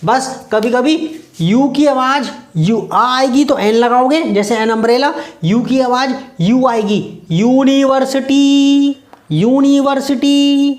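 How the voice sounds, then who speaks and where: A man's voice: extremely high pitch, slow pace, hardly any pauses, roomy sound. A man teaching English grammar in Hindi, mixing in English words and acting out little everyday scenes. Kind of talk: Hindi-language grammar lesson.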